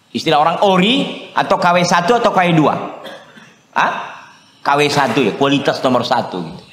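Ustaz bersuara agak tinggi, ruangan bergema. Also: male voice, sits high. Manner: lively preaching with rhetorical questions to the audience. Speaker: Islamic preacher. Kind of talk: religious study lecture. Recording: echoey lecture room.

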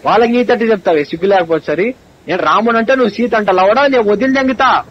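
A young man in a heated phone argument, angry and accusing, with an abusive, rapid-fire way of talking. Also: high-pitched. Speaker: college student on a phone call. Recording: phone call recording, dull with faint hiss.

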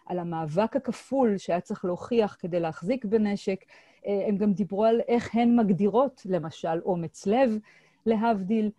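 Lecturing on her historical research to an online seminar, a middle-aged woman often pauses on filler sounds and starts phrases over. Her medium-pitched voice is warm and mellow, picked up dry and close with no room sound by a computer mic on a video call.

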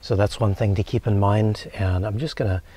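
A man in his forties calmly talking through a recipe while cooking in a small camper van kitchen, with many relaxed "uh"s. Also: fairly low pitch. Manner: calm, unhurried, many filler "uh"s. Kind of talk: casual cooking demonstration.

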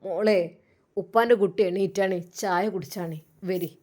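A woman voicing a gentle, loving middle-aged father in a storybook tale, speaking softly and soothingly. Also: mid-range voice, moderate pace, voice pushed down, natural voice. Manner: soft, soothing, tender.

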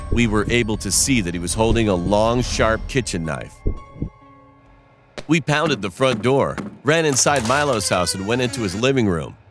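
A young man narrating a first-person scary story in a scripted telling. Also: lowish voice.

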